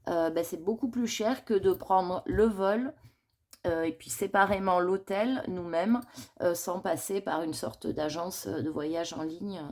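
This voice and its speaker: A woman's voice: lowish voice, measured pace, a little mellow. A woman chatting casually in a coloring vlog, thinking aloud in a rambling, confiding way and admitting her worries. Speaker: coloring vlogger.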